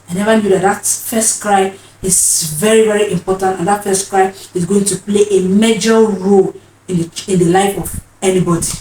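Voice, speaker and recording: A woman's voice: mid-range voice, a little mellow. A woman, telling a personal story in an earnest, emotional way and often repeating her phrases. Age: 30s. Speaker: vlogger. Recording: roomy, distant mic, faint noise.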